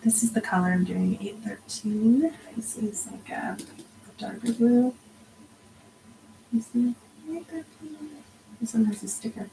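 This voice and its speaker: A woman's voice: on the high side, steady tone, moderate pace, creaky, long pauses, dark tone, a little hiss or hum, rough recording. A tired woman in her thirties chatting casually during a crafting livestream, often dropping to a half-whisper as she counts stitches. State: tired, yawning. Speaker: crafting vlogger. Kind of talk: casual chat while stitching.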